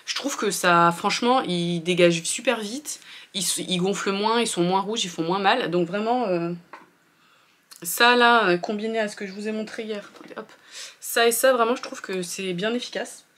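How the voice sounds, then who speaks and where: A woman's voice: mid-range voice, moderate pace, fairly bright tone. A woman, chatting casually through her skincare routine in a candid, rambling way with lots of fillers. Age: 30s. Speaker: beauty vlogger.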